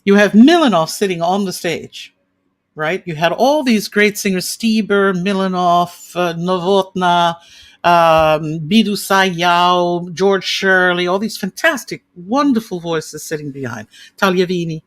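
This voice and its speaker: Woman, 60s, opera singer guest; animated, effusive storyteller. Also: on the low side, measured pace. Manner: animated, gushing anecdotes with vivid imagery. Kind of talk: casual storytelling chat.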